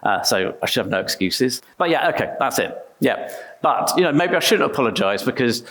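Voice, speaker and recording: A man's voice: mid-range voice, sing-song, a little fast, fairly bright tone. A middle-aged English man giving a conference talk on stage, chatty and self-deprecating, with frequent restarts. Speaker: conference speaker.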